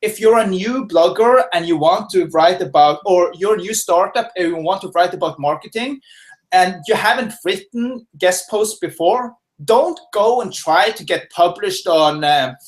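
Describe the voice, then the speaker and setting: Speaking from his home office at a moderate pace, a man from Norway gives loose, chatty webinar answers as a guest expert, full of fillers and restarts. His high voice carries lively intonation.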